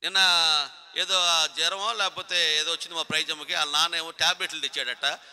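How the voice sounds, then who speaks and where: High bright-voiced preaching man. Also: steady tone, brisk. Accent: Telugu. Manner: emphatic repetitive preaching with rhetorical questions; addresses congregation members by name. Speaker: pastor. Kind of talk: sermon.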